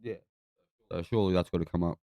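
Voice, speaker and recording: A man's voice: low voice, fairly even intonation, fast talker, no room sound, muffled recording. A man with a broad New Zealand accent giving casual, laid-back, sweary live fight commentary. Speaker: boxing watch-along podcast host.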